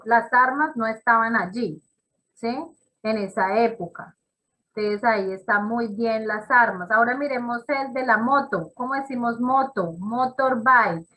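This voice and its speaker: Woman teacher, bright and slightly high voice, unhurried, encouraging. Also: low-quality recording. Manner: encouraging, praises students by name; slow and explanatory, repeats examples. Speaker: English teacher. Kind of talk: classroom teaching.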